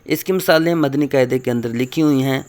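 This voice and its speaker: Male teacher, clear resonant voice, mid pitch; patient and formal, repeats each rule for learners. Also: a little mellow. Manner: addresses the listeners formally. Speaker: Quran reading teacher. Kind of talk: recorded lesson.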